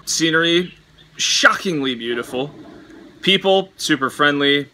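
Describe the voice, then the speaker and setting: A man's voice: on the high side, animated, unhurried, bright, forceful tone, a little hiss or hum. A man in his thirties, a marine biologist, vlogging on a bungalow porch in a wry, dryly humorous way, speaking into a camera held at arm's length. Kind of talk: casual travel vlog. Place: outdoor porch of a tropical bungalow.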